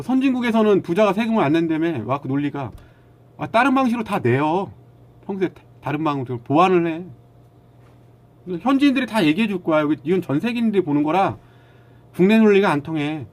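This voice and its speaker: A man with a darkish tone and a voice pitched a little high for a male hosts a laid-back live stream, his pitch ranging widely. He bluntly lectures and argues with viewers, snapping at the chat.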